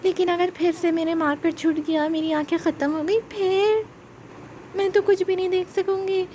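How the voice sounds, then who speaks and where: A woman's voice: very high-pitched, fairly even intonation, normal speed, mellow, slight background noise. A woman voicing a panicky, overdramatic little girl doll in a children's puppet show. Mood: wailing. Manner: wailing, overdramatic pleading.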